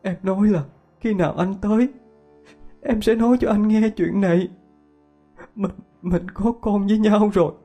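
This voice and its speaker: A grieving young woman pleads in a high, tearful voice. She sounds desperate and heartbroken, as a man with a husky voice puts her on in a spoken ghost story. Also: fairly even intonation, moderate pace, pauses often, warm tone, faint music behind.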